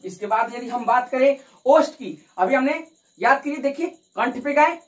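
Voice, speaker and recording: Lady teacher with a highish voice, explains slowly and repeats herself, keeps saying "friends". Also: lively intonation, rough recording. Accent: Hindi. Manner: repetitive, rhetorical questions answered herself, addresses "दोस्तों"; demonstrates mouth positions while explaining. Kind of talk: exam-prep grammar lesson.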